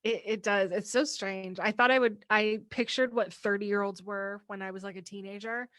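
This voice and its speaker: A woman in her mid-thirties hosts a casual podcast chat. She talks openly and at length, laughing now and then. Her voice sits in a middle pitch, recorded close and dry with no room sound. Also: steady tone, normal speed, fairly bright tone, no echo. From American Midwest. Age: 30s. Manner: candid and talkative, with frequent laughs. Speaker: podcast host.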